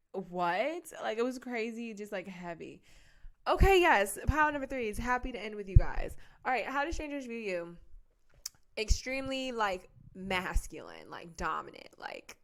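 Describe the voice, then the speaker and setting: A woman's voice: mid-range voice, fairly bright tone. A woman giving a casual tarot reading to camera from home, rambling and chatty, full of fillers and restarts. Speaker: tarot reader.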